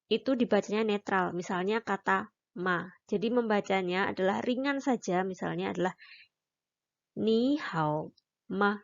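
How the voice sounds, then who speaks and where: A woman's voice: medium pitch, moderate pace, vocal fry, lo-fi sound. A woman teaching a language lesson, patiently explaining and demonstrating each syllable aloud. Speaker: Mandarin teacher. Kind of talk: recorded online lesson.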